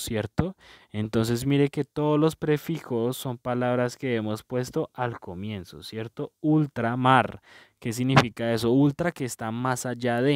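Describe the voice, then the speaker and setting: A man, teaching a patient review lesson to young pupils and checking in often with "¿cierto?". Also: mid-range voice. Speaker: primary school teacher.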